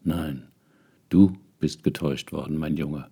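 A man voicing a sly magician in a tailcoat, speaking calmly and knowingly. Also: a bass voice, unhurried, breathy edge, pitched below the performer's own voice, exaggerated voice.

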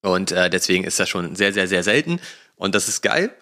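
A man co-hosting a laid-back podcast, his voice sitting a little low but with a bright, forward edge. He tells his stories at length, rambling along with plenty of fillers and asides. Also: animated, a little fast. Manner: chatty storyteller, rambling with fillers. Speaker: podcast co-host. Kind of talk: casual podcast chat.

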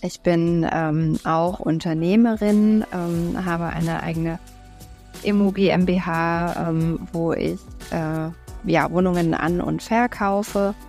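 A woman in her thirties from Berlin, talking casually as a podcast guest, thoughtful and full of filler sounds and pauses. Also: on the low side, fairly even intonation, a little mellow, soft background music. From Berlin, Germany. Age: 30s. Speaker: podcast guest, real estate investor. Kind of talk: casual interview talk.

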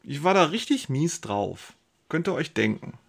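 A man's voice: a little high, very animated, normal speed, vocal fry, exaggerated voice. A man playing a pious, anxious young carpenter, telling his story in first person with emotional swings between brooding and outbursts. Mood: rueful.

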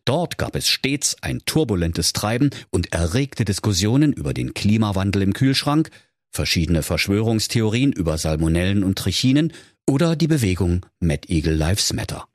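A man's voice: fairly low pitch, sing-song, normal speed, no echo, clean studio sound. A man narrating a comic fairy tale in a mock-solemn storybook manner.

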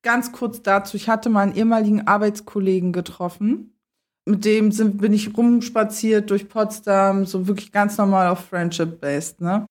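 A woman co-hosting a podcast, chatting casually and telling a story in an animated, outspoken way. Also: mid-range voice, moderate pace. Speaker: podcast co-host. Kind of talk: casual chat.

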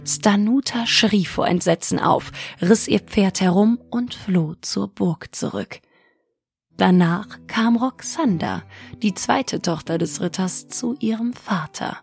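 A woman reads a fairy tale aloud in calm, measured storybook narration. Her delivery is unhurried and her voice has a gravelly texture, with faint music beneath. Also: medium pitch.

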